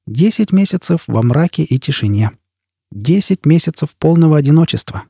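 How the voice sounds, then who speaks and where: A man's voice: fairly high pitch, animated, normal speed, gravelly, warm tone, slightly rough, no room sound, pitched above the performer's own voice, full character voice. A male reader voicing a dry, probing male security chief in an audiobook. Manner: dry, probing, then agitated. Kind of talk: audiobook character reading.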